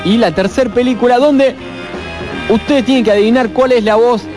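A man's voice: very high-pitched, normal speed. An Argentine man hosting a radio show, bantering casually about film trailers. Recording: music behind the voice.

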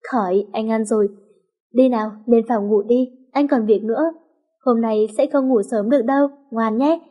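A woman voicing a tired, gentle young husband speaking affectionately. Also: a little high, steady tone, moderate pace, dull audio, natural voice.

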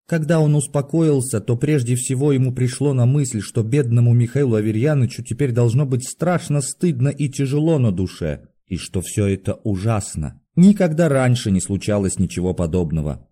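Dark-voiced male storyteller. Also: mid-range voice, animated, normal speed, hardly any pauses. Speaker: audiobook narrator. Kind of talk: scripted narration.

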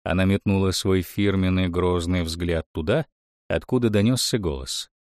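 A man narrating a fairy tale in an expressive, animated storytelling manner. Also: sits low, moderate pace, no room sound, studio quality.

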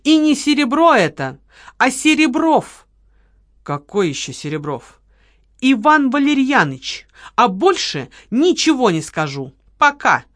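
Woman doing a sharp-tongued young heroine. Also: sits high, sing-song, unhurried, no room sound, clean studio sound, pitched above the performer's own voice, heavily acted. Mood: triumphant. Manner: scolding, sarcastic, bossy.

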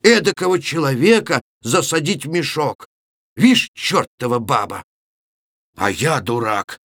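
A man reading aloud and voicing a gruff, boisterous middle-aged Cossack villager who exclaims loudly. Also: medium pitch, expressive, a little slow, no echo, clean studio sound. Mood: blustering. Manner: loud exclaiming, blustering.

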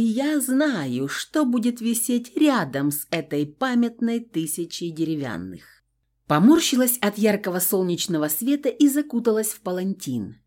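A woman reads a first-person audiobook with wry, ironic humour. Her voice sits fairly low but moves a lot, rising and falling through the sentences. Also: mellow. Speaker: audiobook narrator.

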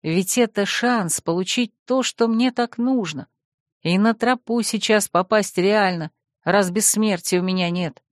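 A woman narrating a fantasy audiobook in first person, with a wry, lively storytelling manner. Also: medium pitch, unhurried, no room sound, studio quality.

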